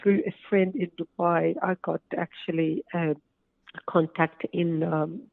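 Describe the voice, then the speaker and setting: A woman's voice: on the low side, fairly even intonation, unhurried, vocal fry, no echo. A woman from Lebanon, an author guest speaking earnestly from her home over the phone, with hesitant fillers. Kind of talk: phone interview. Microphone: phone line. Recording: tinny dry phone line.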